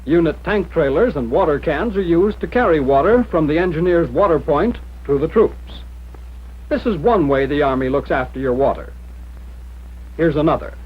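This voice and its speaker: An American man reading scripted instructions in the formal, measured manner of a 1940s military training film narrator. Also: on the high side, breathy edge. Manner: mid-century newsreel-style narrator, formal, measured instruction. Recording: dull, lo-fi 1940s film soundtrack.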